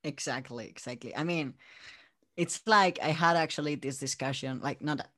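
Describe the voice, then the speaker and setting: A man from Spain with a Spanish accent chats casually as an interview guest, an audio drama creator who acts out his own thoughts as he goes. His fairly high voice is pushed and bright at a moderate pace, recorded in clean studio sound with no echo.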